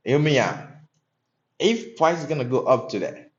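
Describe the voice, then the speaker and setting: A man's voice: mid-range voice, lively intonation, moderate pace, muffled recording. A young man from Haiti, commenting on his trades live and chatting with viewers in a loose, profane way. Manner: loose and profane, talks to chat. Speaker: live-streaming day trader. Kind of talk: casual live-stream commentary.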